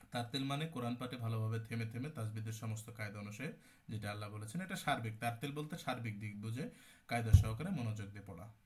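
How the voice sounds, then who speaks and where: A man's voice: medium pitch, brisk, darkish tone. A young man teaching a Quran recitation class, explaining terms step by step, checking in with his students and coughing now and then. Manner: explanatory, repeats terms and asks the class questions. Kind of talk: online tajweed class lecture.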